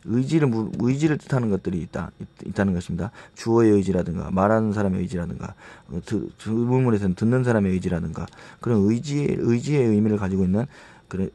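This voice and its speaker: A man teaching English grammar in a casual, halting lecture, often restarting words and reading example sentences slowly with a Korean accent. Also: on the low side, dark tone, no room sound. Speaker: English tutor.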